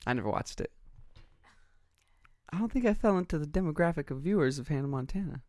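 A man's voice: fairly high pitch, lively intonation, quick pace, a little mellow, no room sound. A man in casual conversation, recorded dry and close with hardly any room sound. He speaks with intensity and conviction, assertive in his delivery and sprinkling "like" through his phrases.

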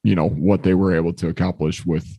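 A man's voice: sits low, steady tone, quick pace, gravelly, breathy edge, no echo, dull audio. A young man chatting casually on a podcast, rambling with lots of fillers and restarts while he has the hiccups. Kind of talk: casual chat.

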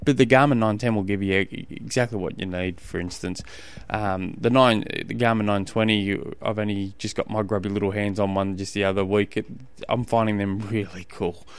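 A man's voice: on the low side, steady tone, normal speed, few pauses, smooth. A man with an Australian accent hosting a podcast, giving casual coaching advice in an informal, rambling way and often rephrasing himself mid-sentence. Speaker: podcast host and endurance sports coach.

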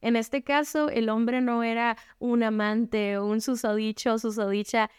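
Smooth-voiced woman giving testimony. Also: fairly high pitch, steady tone, measured pace, no room sound, clean studio sound. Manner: conversational, frequent rhetorical "¿no?". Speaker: speaker sharing a faith testimony. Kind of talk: candid personal testimony to women.

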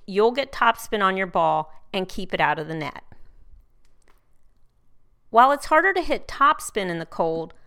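A woman's voice: mid-range voice, fairly bright tone, smooth. A woman from the United States hosting an instructional show, reading scripted tips in an upbeat, neatly organized advice-giving manner. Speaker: host of a tennis tips podcast.

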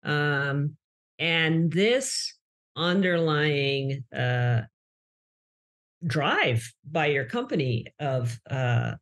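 An interview host asking long, halting questions with many fillers. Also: medium pitch, expressive, a bit bright.

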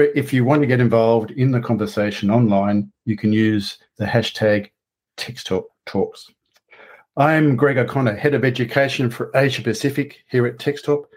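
A man's voice: mid-range voice, darkish tone. A man hosting a podcast, introducing the guest with friendly chat and occasional restarts. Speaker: podcast host.

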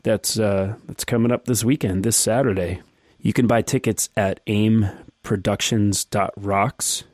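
A man hosting a casual podcast, talking in a relaxed, enthusiastic way. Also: lowish voice, a little slow, no room sound, studio quality. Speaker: podcast host.

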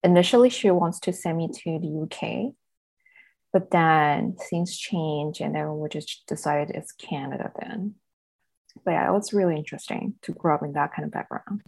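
Woman from southern china, chatty and relaxed, lowish voice, laughs a lot. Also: moderate pace, creaky. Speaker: guest, self-love coach. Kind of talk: casual interview chat.

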